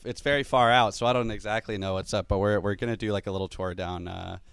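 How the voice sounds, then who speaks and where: A man's voice: fairly low pitch, fairly even intonation, fast talker, vocal fry, a bit bright, smooth, no room sound. A man from North Carolina, a band member, chatting casually as a guest in an easygoing, hesitant way, full of fillers. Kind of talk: casual chat.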